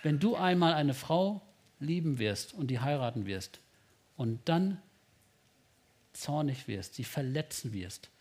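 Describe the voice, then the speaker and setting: A man preaching a lively sermon, putting direct questions to his listeners and acting out short quoted exchanges. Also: on the high side, slow pace, pauses often. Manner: frequent tag questions, acts out little quoted exchanges. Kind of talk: lively sermon to young people.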